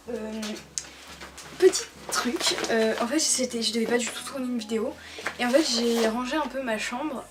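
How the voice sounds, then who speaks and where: Chatty high-voiced young woman. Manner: chatty, laughing, many fillers and restarts. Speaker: YouTuber. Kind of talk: casual vlog chat. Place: her bedroom, sitting on her bed. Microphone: camera on a tripod.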